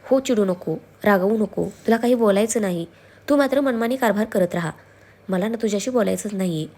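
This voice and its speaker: A woman voicing a protective, quick-tempered young husband who scolds angrily. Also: on the high side, warm tone, breathy edge. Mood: angry. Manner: angry, scolding.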